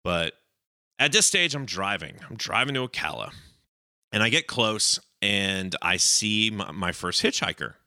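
A man's voice: animated, unhurried, pushed and bright, no room sound, studio quality. A young man hosting a podcast, telling a long personal story in a rambling, casual way and acting out the people in it. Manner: rambling, acts out quoted voices with raised pitch.

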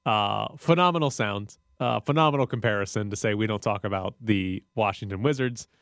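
A man's voice: lowish voice, fairly quick, fairly bright tone, no echo. Sports radio man, close dry sound. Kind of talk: casual opinionated sports talk.

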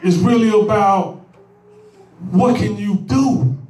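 High-voiced preaching man in an echoey room. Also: takes it slowly, far from the mic. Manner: preaching cadence, swells to shouts, acts out the crowd. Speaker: pastor. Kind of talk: sermon.

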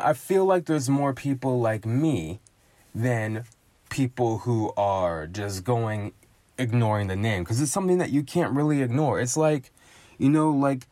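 A man's voice: medium pitch, darkish tone, no echo. A man in a casual solo monologue, sardonic and profane, riffing with emphatic asides.

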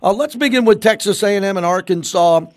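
High-voiced, emphatic American sports radio host. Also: male voice, fast talker, dry recording. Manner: emphatic, repeats phrases for emphasis. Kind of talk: opinionated sports talk radio. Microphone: close studio microphone.

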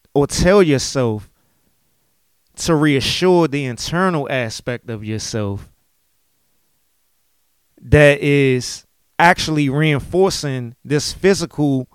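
A man's voice: a little high, smooth, no echo, clean studio sound. A man in his late thirties, a podcast host, talking candidly and emotionally about his life, often adding "you know what I'm saying". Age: late 30s. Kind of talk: candid personal podcast talk.

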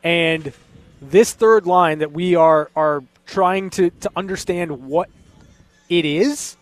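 A male co-host on a sports talk show, pitched a bit higher than most men. The sound is very dry, with no room echo. He talks casually, doubling back on words as he reasons out his analysis. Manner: halting, repeats words as he thinks aloud.

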